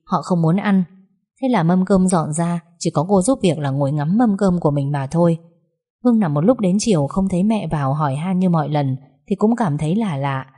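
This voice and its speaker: A woman reads a family drama aloud in a low, mellow voice. Her narration is measured and even, with a warm, soft tone. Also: breathy edge. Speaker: storyteller.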